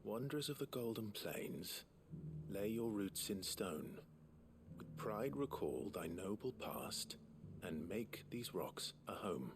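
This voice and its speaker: An actor playing a calm, steady young male warrior in a video game, speaking in a measured, thoughtful way. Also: on the low side, full character voice. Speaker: game protagonist. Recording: game audio with background noise.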